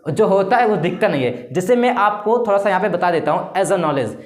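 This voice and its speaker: A man's voice: high voice, lively intonation, brisk. A man teaching a grammar lesson who keeps posing rhetorical questions and answering them himself. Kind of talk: explanatory classroom-style lesson. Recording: roomy echo.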